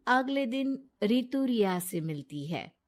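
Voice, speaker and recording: A woman narrating a moral bedtime story. She speaks slowly and quietly in a fairly high voice. Her telling stays even between the dialogue.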